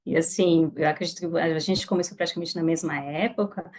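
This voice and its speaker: A woman with a Brazilian Portuguese accent, an affiliate marketer appearing as a guest on a casual podcast interview, speaks earnestly and reflectively with hesitant restarts. Her voice is deep, steady and darkish, at a fairly quick pace.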